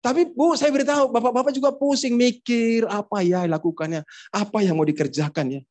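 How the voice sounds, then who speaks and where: High-voiced pastor preaching playfully. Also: male voice, fairly quick, a little mellow. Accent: Indonesian. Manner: playful, acts out household dialogues. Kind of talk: sermon. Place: church.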